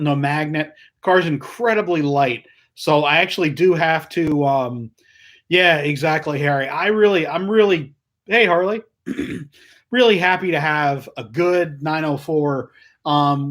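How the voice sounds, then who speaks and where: Chatty man hosting a live stream. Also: on the high side. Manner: chatty, rambling, reads out viewer comments. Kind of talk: casual live stream chat.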